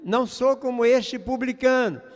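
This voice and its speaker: A haughty Pharisee raises his voice in a showy prayer, boasting that he is better than other men, as a preacher puts him on. The voice sits high and carries loudly. A long reverb trails behind each phrase. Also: animated, very slow, clear, resonant tone, exaggerated voice. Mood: boastful. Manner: loud, self-exalting, shouting prayer. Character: arrogant boastful male Pharisee praying aloud.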